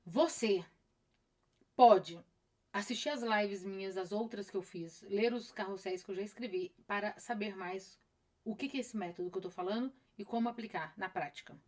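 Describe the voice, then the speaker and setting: Her mid-range voice is a little mellow and moves at a moderate pace. A middle-aged therapist with a Brazilian Portuguese accent, she talks casually on a live stream, repeating phrases and mimicking her patients.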